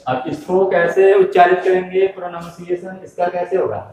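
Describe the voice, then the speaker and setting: Heard from afar in a room with echo, a high-voiced man delivers a slow, methodical primary Hindi lesson at normal speed. His tone is steady and a touch dark, the audio dull, and he patiently spells letters and replies to questions he asks himself.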